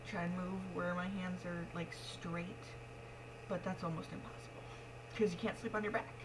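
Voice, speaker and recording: Lower-pitched young woman missing her front teeth. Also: fairly even intonation, normal speed. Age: young adult. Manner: frank, rambling, matter-of-fact. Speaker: pregnant vlogger. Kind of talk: casual confessional vlog talk. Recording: clearly noisy home recording with hum.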